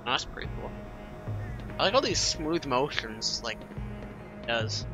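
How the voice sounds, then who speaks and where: A man giving relaxed, offhand commentary while playing a video game. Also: mid-range voice, slow, over music. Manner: relaxed, offhand remarks with fillers. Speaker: gameplay streamer. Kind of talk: casual gameplay commentary.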